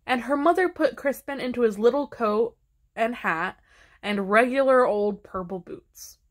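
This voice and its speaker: A woman reads a children's picture book aloud at an unhurried pace. Her voice sits a little high and stays gentle and expressive throughout. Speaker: storybook reader.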